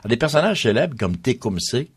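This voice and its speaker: A man's voice: medium pitch, very animated, brisk, a crowd in the background. A man, a history guest explaining at length in a radio interview and listing names one after another.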